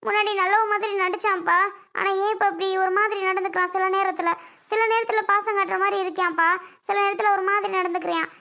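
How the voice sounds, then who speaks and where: A woman's voice: extremely high pitch, steady tone, quick pace, creaky, pushed and bright, exaggerated voice. A woman voicing a young married daughter in a cartoon family serial, pleading with her father and calling out to him over and over. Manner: pleading, repeated calls of "appa".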